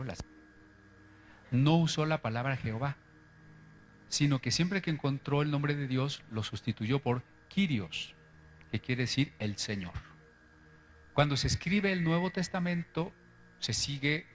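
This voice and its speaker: A man's voice: medium pitch, a little hiss or hum. A man lecturing on the history of Bible translations, explaining step by step and often checking in with his listeners.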